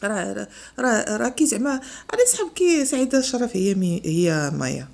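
A woman with a Moroccan accent speaks in a rapid, heated stream as an online commentator. She sounds indignant and circles back to the same phrases to press her point, in a mid-range voice. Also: mid-range voice, expressive, creaky, a little mellow. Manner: indignant, repeats phrases for emphasis. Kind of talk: heated opinion monologue.

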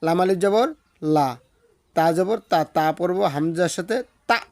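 Letter by letter, a Bangladeshi Bengali-accented man walks through recitation with patient explanations, slowly drawing each word out in a sing-song way. His voice sits high with a darkish tone, recorded without echo.

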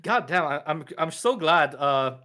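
A man's voice: on the high side, animated, unhurried, pushed and bright. A man co-hosting a podcast, chatting casually, laughing often and drifting into tangents. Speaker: podcast co-host. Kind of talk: casual chat.

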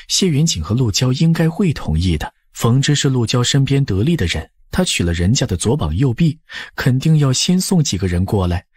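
A male audiobook narrator reads a period story from a script in a husky, medium-pitched voice whose intonation moves widely. He's recorded close and dry.

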